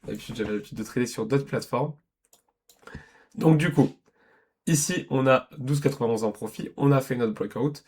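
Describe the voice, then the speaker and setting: Male trading teacher, mid pitch, chatty walkthrough with frequent check-ins. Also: normal speed, long pauses, a little mellow, breathy edge. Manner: conversational, checks in with "d'accord?" and "ok?"; thinks aloud with restarts and self-corrections. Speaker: trading educator. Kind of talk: screen-share trading lesson.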